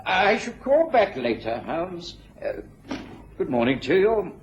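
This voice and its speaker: An actor playing a courteous, earnest doctor who serves as narrator in a radio drama. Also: male voice, sits high, sing-song, slow pace, muffled recording, noisy background, full character voice. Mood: polite, flustered.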